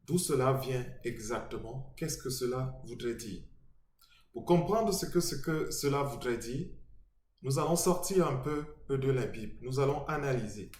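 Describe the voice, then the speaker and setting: A man's voice: mid-range voice, unhurried, a little mellow. A man giving an informal video lesson, explaining step by step with frequent restarts and spelled-out letters. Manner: hesitant, many restarts and fillers, spelling out letters. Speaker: teacher presenting a video lesson. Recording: echoey room.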